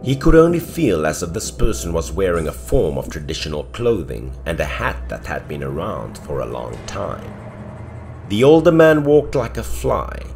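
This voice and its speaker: Deep low guy reading a spooky story, voice swings up and down a lot, quiet music behind. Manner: dramatic storytelling with swings in pitch and loudness. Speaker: narrator. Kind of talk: scripted horror story narration.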